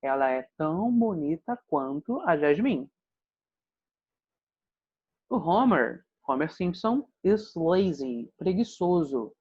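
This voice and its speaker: A man with a Brazilian Portuguese accent, an English teacher calmly explaining grammar in an online lesson. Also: a little high, takes it slowly, slightly rough. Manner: patient, explanatory, frequent "né?" check-ins. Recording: dull lo-fi sound.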